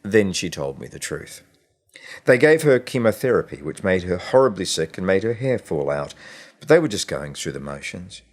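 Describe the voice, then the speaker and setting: This is scripted audiobook narration of a short story by a low-pitched man. He reads in a measured, expressive manner and leaves deliberate pauses.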